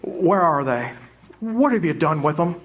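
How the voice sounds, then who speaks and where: A man's voice: fairly high pitch, lively intonation, measured pace. A man playing a bewildered, exasperated family man, stammering and agitated in a live radio drama. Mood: desperate. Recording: live stage recording, faint room noise.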